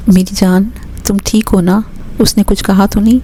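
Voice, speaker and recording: Tender, comforting mother in a storybook romance, warm and mellow; the narrator puts her on. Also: mid-range voice, little pitch movement, close to an everyday voice.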